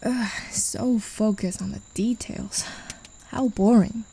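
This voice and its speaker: A woman voices a possessive demon playing with her claimed pet in a soft, patronizing ASMR roleplay, her tone taunting. The very dark, gravelly, husky voice stays steady and slow, teasing and slipping into low whispers, and the performance is heavily acted. The audio is poor.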